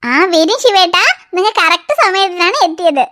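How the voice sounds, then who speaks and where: A woman's voice: extremely high pitch, moderate pace, bright, forceful tone. A woman voicing a coaxing cartoon mom. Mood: teasing. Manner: soothing, coaxing. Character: young mother, patient and teasing. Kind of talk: cartoon voice acting.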